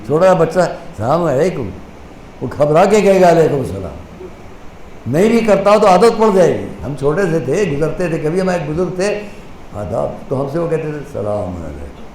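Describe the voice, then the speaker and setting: A man preaching a sermon at a mourning gathering with an Indian Urdu accent, drawing out quoted scripture slowly and dropping to a soft voice for acted exchanges. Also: fairly high pitch, expressive, slight background noise. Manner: impassioned, stretches Quranic phrases slowly, drops to a soft voice to act out exchanges. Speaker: maulana preaching at a majlis. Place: mourning hall. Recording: echoey hall, faint ambience.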